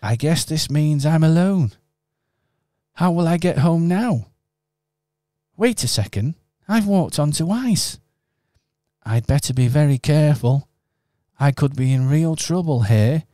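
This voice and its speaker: An earnest, polite male teddy bear, played by a man, slightly bewildered, in a homemade radio pantomime. He speaks slowly with a lively, bouncing pitch, and the voice is close and dry on the mic. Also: no room sound.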